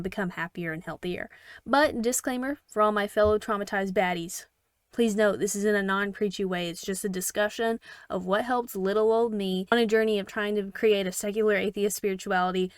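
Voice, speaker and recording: A woman's voice: medium pitch, no room sound, clean studio sound. A woman vlogger talking casually and irreverently in a scripted commentary, joking and swearing freely.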